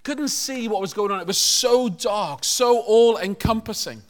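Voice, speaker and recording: A man from Liverpool, England with a high voice preaches at a measured pace. His style is conversational and playful, and he often directs questions at his listeners.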